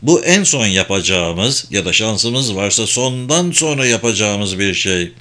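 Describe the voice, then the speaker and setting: A man's voice: lowish voice, expressive, measured pace, bright, forceful tone. A man voicing an agitated male agent in an urgent, clipped way while reading a novel.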